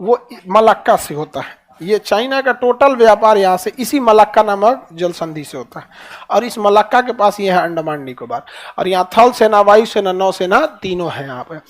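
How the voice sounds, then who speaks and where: Male teacher, Bihari accent, very high pitch, chatty rhetorical lecturing style. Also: expressive, moderate pace. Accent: Bihari Hindi. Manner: rhetorical questions, colloquial. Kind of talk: classroom lecture.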